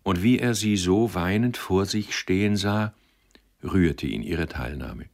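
A man reading a classic novel aloud as an audiobook narrator, in a measured storytelling manner. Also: deep voice, a little mellow.

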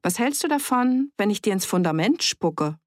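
A woman's voice: medium pitch, expressive, moderate pace, dry recording, studio quality, voice pushed up, lightly acted. Woman reading as defiant young woman scorned as a witch. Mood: mocking. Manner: defiant, cutting. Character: sharp-tongued young woman accused as a witch.

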